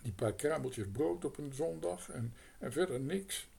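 Man doing a storybook mouse, male, whiny, complaining, high-pitched, husky. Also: animated, unhurried, darkish tone, exaggerated voice. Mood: whining.

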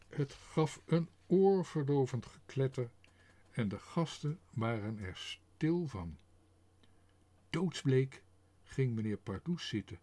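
Slow, expressive husky male storyteller. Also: medium pitch. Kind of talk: reading a children's story aloud.

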